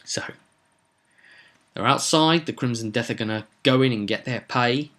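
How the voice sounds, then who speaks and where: In a casual vlog recap, a man acting as game master walks viewers through a roleplay session. His voice is medium-pitched and fairly bright at a normal speed, and he rambles conversationally with touches of dramatic emphasis.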